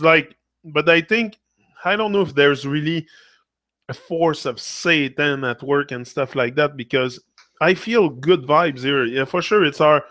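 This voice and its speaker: A man with a Québécois accent, a native French speaker, hosts a relaxed livestream and reads viewers' comments, going from French to English and back mid-thought while adding "là" to phrases. His voice sits on the high side, pushed and bright, with no room sound.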